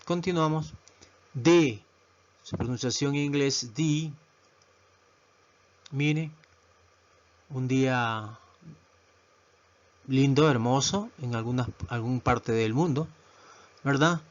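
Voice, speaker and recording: Slow, patient male teacher, lo-fi sound. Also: mid-range voice. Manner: slow, repetitive, asks "¿verdad?" often. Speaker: English teacher. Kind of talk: video lesson.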